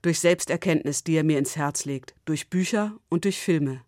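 A woman giving a scripted, reflective devotional talk. She tells a story in a calm, measured way and turns quiet and personal when she reflects. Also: deep voice, no echo, studio quality. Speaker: speaker of a short devotional.

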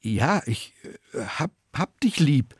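Guy doing a flustered fisherman disciple, stammers, voice jumps way up and gets loud. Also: fairly high pitch, sing-song, takes it slowly, slightly rough, no echo, studio quality, voice pushed up, exaggerated voice. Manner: stammering, then indignant.

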